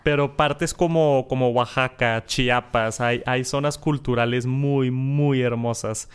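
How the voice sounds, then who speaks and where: Smooth-voiced man chatting. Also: medium pitch, fairly even intonation, slow pace. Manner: friendly, stumbling repeats. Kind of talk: casual chat.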